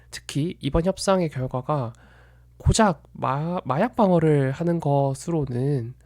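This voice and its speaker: A man gives a reflective solo commentary on investing, measured and analytical, stopping now and then to correct a word. His voice sits a little high for a man. The recording is dry and close, with almost no room sound. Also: mellow, no room sound.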